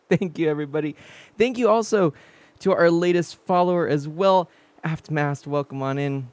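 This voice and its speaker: A man's voice: a little high, moderate pace, darkish tone, clean tone, no room sound. A man hosting a game stream, chatting casually and laughing often, a little out of breath and recovering from being sick. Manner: laughing, chatty, rambling sign-off. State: slightly out of breath, recovering from sickness. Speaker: streamer host.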